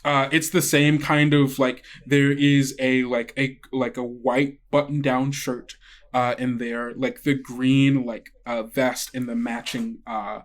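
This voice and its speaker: A man acts as game master for a tabletop game, narrating off the cuff in a halting, conversational way. His mid-range voice has a flat delivery.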